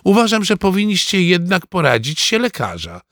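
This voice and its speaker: A man's voice: high voice, huge pitch swings, normal speed, fairly bright tone, no echo, studio quality, pitched above the performer's own voice, heavily acted. A man voicing a fussy, doting grandmother in a storybook reading, speaking in a cooing, pampering way. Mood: fussing.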